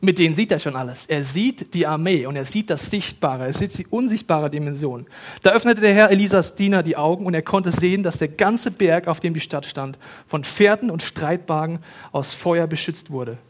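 A middle-aged man preaching a sermon in a casual, slangy way, talking straight to the congregation and acting out quotes with sudden loud rises. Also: a little high, moderate pace. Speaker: pastor.

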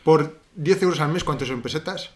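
A man co-hosting a podcast, chatting casually and telling stories with mocking quoted voices. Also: fairly high pitch. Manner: fast, animated storytelling with mocking quoted voices. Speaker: podcast co-host. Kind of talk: casual chat.

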